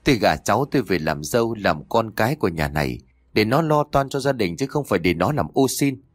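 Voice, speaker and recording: A proud older rural uncle, as a male narrator puts him on, scolding in quick, blunt phrases. His pitch moves a lot, and the sound is dry. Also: expressive, no echo.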